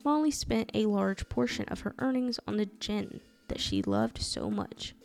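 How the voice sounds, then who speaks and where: A woman reading a dark folk tale aloud in a measured, dramatic storytelling style. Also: mid-range voice, huge pitch swings, creaky. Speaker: narrator. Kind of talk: scripted storytelling narration. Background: soft music.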